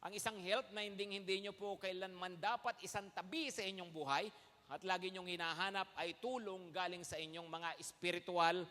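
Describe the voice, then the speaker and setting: A man's voice: sits high, sharp tone. A man preaching a sermon as pastor, emphatic, calling out "Amen?" to the congregation and switching between Tagalog and English. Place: large church hall. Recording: long hall reverb.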